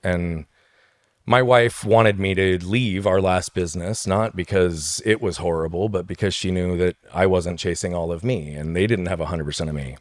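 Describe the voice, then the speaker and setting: Deep-voiced man, emphatic storyteller. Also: normal speed, no room sound, clean studio sound. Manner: emphatic, tags points with "right?". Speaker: guest speaker. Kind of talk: podcast interview, personal storytelling.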